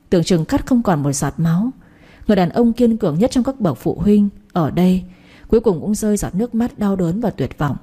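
A woman narrates a first-person story in a slow, emotional reading. Her voice sits low and sounds dark and mellow. A husky grain runs through it.

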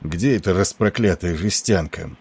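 A man reading the part of a gruff, impatient senior naval officer who barks orders. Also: low voice, moderate pace, darkish tone. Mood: brusque.

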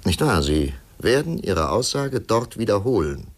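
Deep husky stern interrogator in an old radio drama, pressing and measured. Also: male voice, very animated. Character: stern, persistent male interrogator. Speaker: investigator questioning a witness. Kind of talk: 1950s radio drama acting.

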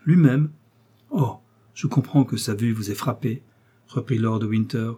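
A man voicing a cold, mocking English lord who speaks with sardonic, quietly menacing calm; his voice is husky. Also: mid-range voice, a little slow.

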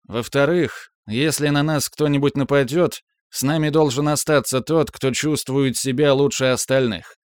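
A man's voice: mid-range voice, normal speed, few pauses, clear, resonant tone, no room sound, studio quality, pitched above the performer's own voice, natural voice. A man voicing a harsh, bossy young male fighter who barks orders in an audiobook. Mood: insistent. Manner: curt, barking orders. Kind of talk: audiobook character voice.

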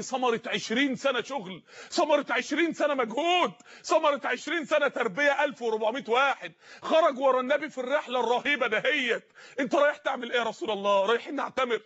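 A man with an Egyptian accent delivers a fiery sermon in a strikingly high voice at a rapid clip. He pleads and shouts, hammering home repeated phrases. The recording is muffled and lo-fi. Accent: Egyptian Arabic. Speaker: preacher.

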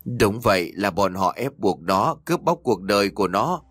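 A man's voice: fairly low pitch, sing-song, moderate pace, fairly bright tone, slightly rough, dry recording, heavily acted. A man voicing a desperate old grandmother pleading in a spoken story. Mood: bitter. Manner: pleading, wailing.

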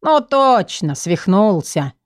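A woman's voice: medium pitch, big pitch swings, slow, dry recording, studio quality. A woman voicing an insolent, leering young male nobleman with a drawling, sneering way of talking. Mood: indignant.

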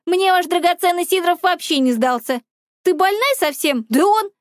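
Woman voicing a snippy high-pitched teen girl, mocking, dry close sound. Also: lively intonation, moderate pace, no echo. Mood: furious. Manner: mocking, then shouting. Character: sarcastic, furious teenage schoolgirl.

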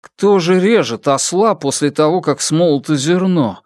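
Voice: medium pitch, measured pace, darkish tone, dry recording, clean studio sound, pitched above the performer's own voice, lightly acted. A reader voicing a meek man who mumbles timid interjections, in an audiobook.

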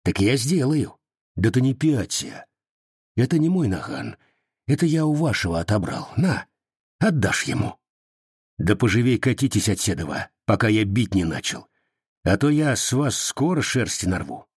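Hard cossack officer, curt and threatening, a man reading him, husky, lively pitch. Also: moderate pace, dry recording, clean studio sound, heavily acted. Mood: menacing. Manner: curt, commanding. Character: tough young Cossack officer, calm and menacing.

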